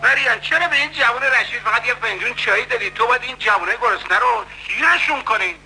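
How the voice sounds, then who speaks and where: Swaggering middle-aged bully, high-set voice, blustering and threatening. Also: male voice, bright, forceful tone, slight background noise, full character voice, rough recording. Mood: mocking. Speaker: dub actor. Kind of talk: dubbed film acting.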